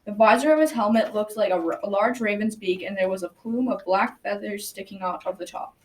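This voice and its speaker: In a school radio drama, a teenage girl, a young teen, lightly acts the part of a folksy grandfather spinning a story for his grandchildren. She speaks briskly in a mid-range voice, recorded on a distant mic with obvious background noise.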